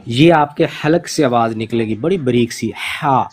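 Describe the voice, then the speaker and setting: Male recitation teacher on an online call, mid pitch, slow and patient, models each sound by repeating it. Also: background noise. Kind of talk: online pronunciation lesson.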